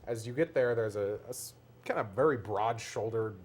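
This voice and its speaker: Casting: man, low voice, game master in a noisy home recording, relaxed narration with laughs. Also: normal speed. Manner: casual, laughing between narration.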